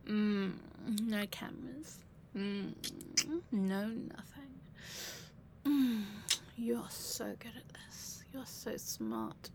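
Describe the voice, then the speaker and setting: A woman playing a seductive, commanding bank robber in an intimate ASMR role-play, with breathy, sultry pillow talk and lingering pauses. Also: mid-range voice, expressive, warm tone, a little hiss or hum.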